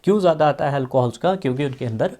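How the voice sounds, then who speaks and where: A man's voice: fairly high pitch, expressive, rapid-fire, dark tone. A man teaching chemistry in a casual explaining style, repeating his questions and stretching out as he writes. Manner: repeats key questions, drawls out terms while writing.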